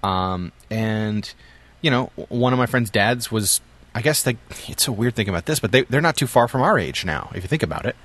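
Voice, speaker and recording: Middle-aged guy on a podcast, low voice, jokey, lots of ums. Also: lively intonation, brisk, fairly bright tone. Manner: storytelling, joking, many fillers. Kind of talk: casual chat.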